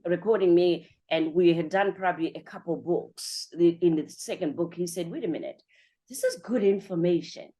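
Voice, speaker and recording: A woman hosts an interview with a slightly low voice, gushing with thanks and chatting freely. She strings her thoughts together with frequent 'you know' fillers, keeping a talkative, conversational flow. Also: a little mellow. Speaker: podcast host.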